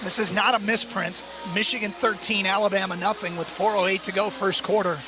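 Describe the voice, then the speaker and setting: High-voiced male football play-by-play announcer. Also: little pitch movement, fairly quick, over music. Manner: clipped present-tense play calling. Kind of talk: live football commentary.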